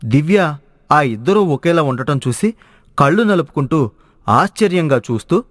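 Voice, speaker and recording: A man narrating a cartoon story in a steady storytelling way. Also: on the high side, moderate pace, dry recording, studio quality.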